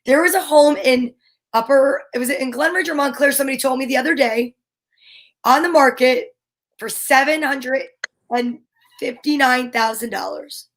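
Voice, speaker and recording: A middle-aged American woman co-hosting a talk show chats casually in a high-sitting voice at a moderate pace, giving blunt, emphatic opinions. The recording quality is rough.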